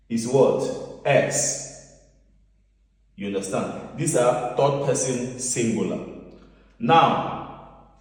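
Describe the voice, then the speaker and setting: A man's voice: mid-range voice, a little mellow. A man teaching a beginners' language lesson, repeating words and asking the listener questions. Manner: repetitive, asks the listener questions. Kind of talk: classroom-style lesson. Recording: roomy echoing hall, mic far off.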